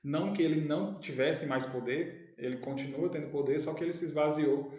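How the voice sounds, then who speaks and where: A man's voice: on the high side, mellow. Man teaching in an echoey room. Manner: thoughtful, many pauses and fillers. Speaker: Bible teacher. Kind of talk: Bible study teaching. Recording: echoey room, slightly dull sound.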